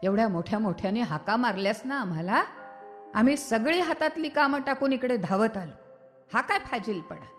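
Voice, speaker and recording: A woman voicing indignant adult villagers who scold a boy, with a lively questioning manner. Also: a little high, normal speed, lightly acted. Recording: reverberant studio with background music.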